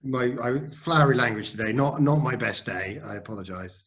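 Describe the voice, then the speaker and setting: A man's voice: medium pitch, a bit bright, slight background noise. Upbeat chatty male meetup host. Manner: upbeat, quick to praise, chatty. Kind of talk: casual online meetup chat.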